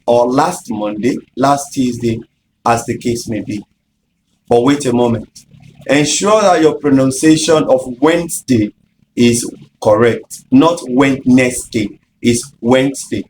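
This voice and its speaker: A man teaching English grammar in a measured, explanatory way, speaking directly to viewers. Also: medium pitch, darkish tone, slight background noise, poor audio. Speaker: English tutor. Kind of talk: scripted grammar lesson.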